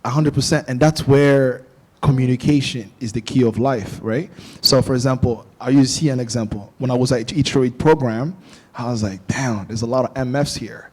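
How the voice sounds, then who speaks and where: A young man from Angola, whose first language is Portuguese, tells stories casually as a guest on a panel podcast, animatedly acting out what other people said. His voice is mid-range at a normal speed.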